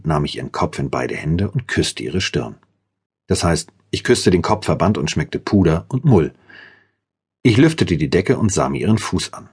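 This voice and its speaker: Deep, husky male audiobook narrator. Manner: dramatic and intense. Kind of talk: scripted first-person audiobook narration.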